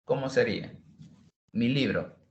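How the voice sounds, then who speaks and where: A man teaching an online English class, repeating words slowly and quizzing his students. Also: mid-range voice, echoey room, muffled recording. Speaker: English tutor.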